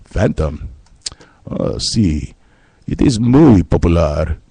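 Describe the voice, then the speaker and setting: A man's voice: deep voice, very animated, warm tone, breathy edge, dry recording, heavily acted. A man playing a suave, pompous Latin male talk show host with a put-on Spanish accent in a comedy radio sketch. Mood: smooth. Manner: pompous, slow and self-assured.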